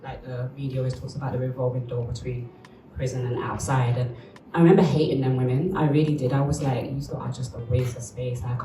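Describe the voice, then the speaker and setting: A woman's voice: rumbling low, dark tone, echoey room, recorded from a distance, a little hiss or hum, poor audio. A woman from Uganda, giving a candid, reflective documentary interview.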